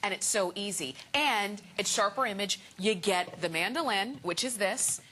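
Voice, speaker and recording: A woman co-hosting a home shopping product demonstration, chatty and excited. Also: medium pitch, moderate pace. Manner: chatty, excited co-host reactions. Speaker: shopping channel host.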